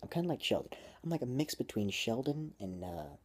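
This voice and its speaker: A man's voice: mid-range voice, sing-song, brisk, a little mellow, breathy edge. A man reading his own story aloud, stopping often to joke and comment on his writing. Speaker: amateur writer and vlogger.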